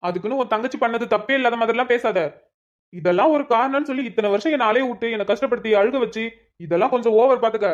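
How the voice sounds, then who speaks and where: A woman's voice: a little high, fast talker, natural voice. A woman voicing a male friend in a cartoon who complains and teases in banter. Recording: dull lo-fi recording.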